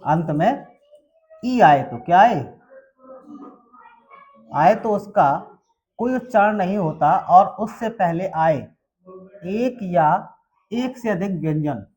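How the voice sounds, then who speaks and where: Man, high-pitched, classroom lesson, rhetorical questions. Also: animated, slow, pauses often, darkish tone, faint music behind. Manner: asks questions and answers them himself. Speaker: English teacher.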